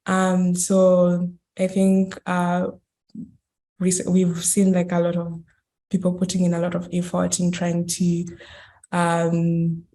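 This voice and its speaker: A young woman from Kenya gives a talk over a video call, her low, mellow voice touched with vocal fry. She speaks slowly and evenly, pausing and restarting often. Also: monotone. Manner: hesitant, many fillers and restarts. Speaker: guest speaker. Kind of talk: online academic talk.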